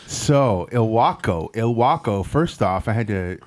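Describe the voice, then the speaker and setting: A man's voice: lowish voice, expressive, unhurried, darkish tone. A man co-hosting a casual group podcast, telling a story in a rambling, chuckling way. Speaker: podcast co-host.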